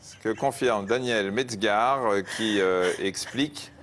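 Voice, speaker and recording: A man's voice: on the low side, slow pace, a bit bright, slight background noise. A man presenting live news, bantering with a co-presenter and slipping in teasing, colloquial asides.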